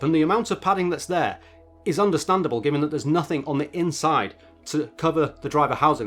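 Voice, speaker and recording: A man presenting a product review in a casual, chatty narration with wry asides. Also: fairly high pitch.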